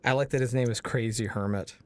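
A man's voice: mid-range voice, steady tone, fast talker. A man hosting a let's play, joking through casual gameplay commentary. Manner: joking, laughs often.

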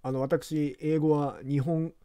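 A man from Japan talking casually over a video game he plays, rambling and chatty in rough, informal speech. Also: on the high side, level tone, slow pace, warm tone, no room sound, studio quality. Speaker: game commentator. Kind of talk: casual let's-play commentary.

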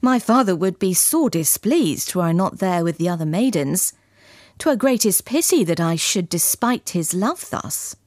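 A woman's voice: on the low side, expressive, unhurried, darkish tone, no room sound, clean studio sound. A woman voicing a young maiden who exclaims and questions in archaic speech. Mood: protesting. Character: young maiden, loving and wondering, easily startled.

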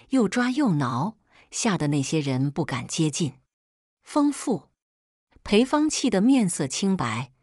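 A woman reading a first-person story as narrator, in a measured, even storytelling manner. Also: lowish voice, no room sound, clean studio sound.

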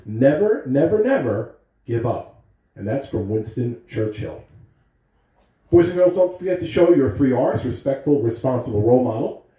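Recorded from afar on a phone camera in a roomy, carpeted home living room, an American man in his thirties reads morning announcements and a children's storybook. He's a school principal or staff announcer, and his voice runs on the high side, mellow.

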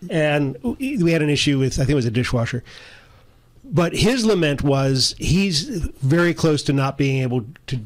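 A man's voice: a little high, animated, moderate pace. A man in his sixties co-hosting a local radio talk show, asking long, rambling conversational questions. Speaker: radio co-host. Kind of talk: casual radio talk interview. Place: radio studio, indoors. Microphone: studio boom mic.

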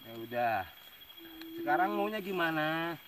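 A man acting as a medium, giving slow, soft answers on a spirit's behalf outdoors at night. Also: fairly high pitch, expressive. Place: outdoors at night in rural surroundings. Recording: distant mic, noisy night outdoors.

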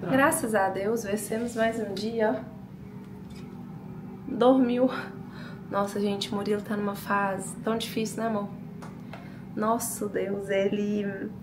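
A woman's voice: mid-range voice, steady tone, slow, pauses often, distant mic. A woman, a mother chatting casually to her viewers at home as she vlogs. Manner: chatty, addresses viewers often. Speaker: vlogger mother. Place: family home, kitchen and bathroom. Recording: echoey home room with background noise.

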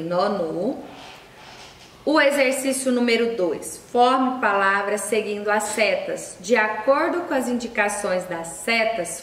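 Slow, patient woman teacher in echoey room. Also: medium pitch, a bit bright. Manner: patient, spells out syllables and answers step by step. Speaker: primary school teacher. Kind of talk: slow worksheet correction lesson. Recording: roomy echo, voice a bit far off.

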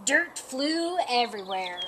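Reading aloud from a children's picture book, this middle-aged storyteller sits outdoors in a sunny yard. Her voice is a little high, slow and lively, and rises when animals speak. A camera a few feet away captures her along with background noise.

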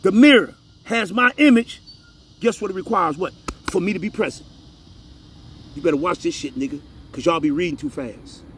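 A man teaching the Bible in a casual, profane way, repeating phrases, reading verses slowly and emphatically, and often asking if you're with him. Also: high-pitched, fairly bright tone, slight background noise. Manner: reads scripture slowly and emphatically.

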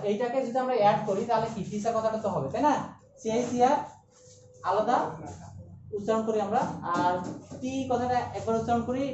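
A woman's voice: a little high, darkish tone. A woman gives a grammar lecture, patiently repeating herself and checking understanding with tag questions. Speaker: English grammar teacher. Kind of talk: classroom lecture. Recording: roomy, distant, dull lo-fi sound with faint noise.

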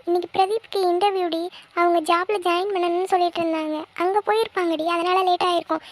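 A very high, girlish cartoon voice of a young college friend, played by a woman. She scolds her friend and comforts her at the same time. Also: fairly even intonation, fast talker. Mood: comforting. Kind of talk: cartoon voice acting.

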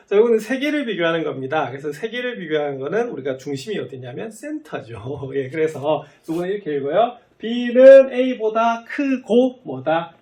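A man teaching a math lesson who keeps asking his students questions and answering them himself, slowly stretching out the key phrases. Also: a little high, darkish tone. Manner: often starts sentences with "so" and "well then". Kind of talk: lecture.

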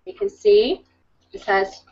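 Speaking slowly with a medium pitch and a darkish tone, a thirty-something craft blogger casually presents her crafts, frequently breaking into her own sentences. She's at home in a book-lined room, on a webcam video call. Sound quality is dull and lo-fi.

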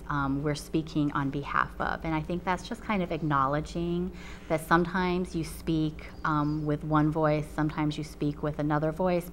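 This low-voiced woman, fairly bright in tone, is a college professor whose native language is Chinese. In a TV studio with a painted backdrop, she records a talk for webinar viewers, explaining carefully and pausing often on "um," while a faint hum runs underneath.

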